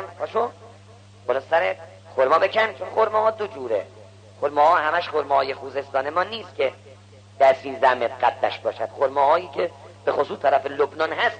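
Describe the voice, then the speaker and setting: A man preaching and telling stories, acting out the characters' lines in a lowered voice. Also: vocal fry, muffled recording. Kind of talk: sermon storytelling.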